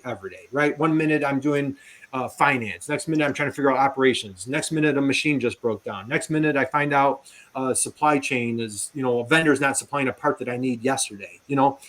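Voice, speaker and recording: A man's voice: medium pitch, a bit bright. A man hosting a live video interview show, chatty and enthusiastic, rambling with fillers and building long questions around hypothetical scenarios.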